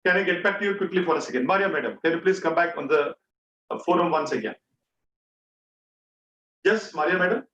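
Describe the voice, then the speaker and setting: A man's voice: on the high side, fairly quick, pauses often, a bit bright, lo-fi sound. A man with an Indian accent teaching an online class interactively, repeating key phrases and questions for emphasis. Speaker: online bootcamp instructor. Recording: echoey, distant mic, faint noise.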